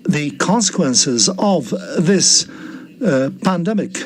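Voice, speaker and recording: Guy doing a formal podium speech, real slow n halting, voice a bit on the high side. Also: expressive. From Algeria. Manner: halting, deliberate phrasing with pauses. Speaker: national delegate addressing an assembly.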